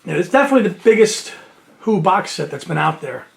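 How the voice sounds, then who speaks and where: This music collector and video host has a high, sing-song, creaky voice and talks briskly, with slight background noise. At home near his shelves, he casually chats through unboxing a music box set, reading out the liner notes eagerly and sniffling from allergies.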